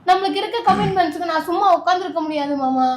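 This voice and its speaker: High-voiced young woman, pleading and emotional. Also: fast, roomy sound. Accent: Tamil. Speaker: YouTube couple vlogger. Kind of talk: emotional prank argument.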